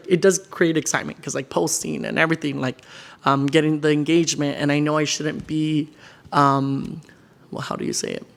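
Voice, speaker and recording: A man's voice: fairly high pitch, creaky. A 21-year-old man vlogging, chatting casually to camera and venting in a rambling way, with lots of filler words. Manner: rambling and venting, heavy use of "like". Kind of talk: casual sit-down chat to camera. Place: his decorated home.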